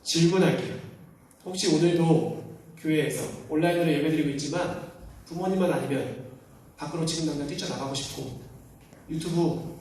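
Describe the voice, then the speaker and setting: A man, a youth pastor, giving a lively sermon to teenagers and acting out the quoted voices as he tells the story. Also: fairly high pitch, moderate pace, pauses often, a little hiss or hum. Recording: roomy echo, distant mic.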